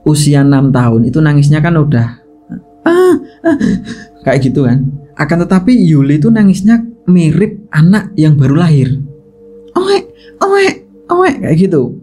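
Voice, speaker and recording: A man with a fairly high, mellow voice tells a horror story in a loose, chatty way. Soft music plays faintly underneath. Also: a little fast. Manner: chatty, conversational with fillers. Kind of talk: casual spoken horror storytelling.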